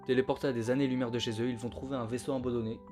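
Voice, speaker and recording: Rapid-fire and mid-range with little pitch movement, a man talks through an anime in a laid-back review vlog for his channel. He jokes at his own expense in slangy asides while background music sits clearly under his voice.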